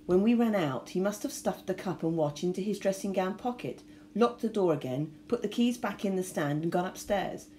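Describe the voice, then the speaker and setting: A woman reading a novel aloud with expressive storytelling. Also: mid-range voice, normal speed, a little hiss or hum. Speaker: reader.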